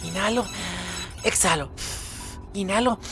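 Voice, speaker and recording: Woman doing excitable kid sleuth, kids show, music in background. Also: mid-range voice, a little slow, lightly acted. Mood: curious, uneasy. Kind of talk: scripted children's show dialogue.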